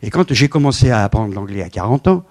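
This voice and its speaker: A man in his seventies giving a lively lecture with slides, swinging from loud emphasis to quiet asides. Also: lowish voice, fast talker. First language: French. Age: 70s.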